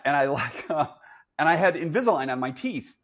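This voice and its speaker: Lively husky man in his sixties. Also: on the high side, brisk. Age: 60s. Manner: animated, asks questions to move the talk along. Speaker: host. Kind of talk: casual panel chat.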